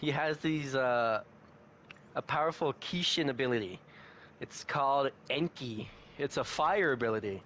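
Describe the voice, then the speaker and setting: A man's voice: medium pitch, measured pace, fairly bright tone, muffled recording, a little hiss or hum. A young man hosting a podcast, casually recapping an anime plot and laughing often as he tells it. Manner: giggly, laughs often while retelling scenes. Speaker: podcast host.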